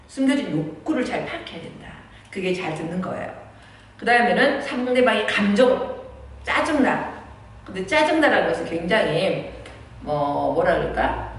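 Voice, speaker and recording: A woman giving a lecture on talking with children, asking her listeners questions and acting out parent and child exchanges. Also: medium pitch. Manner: asks the audience rhetorical questions; acts out mother and child dialogues. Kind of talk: church training lecture. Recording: very echoey hall, mic far off.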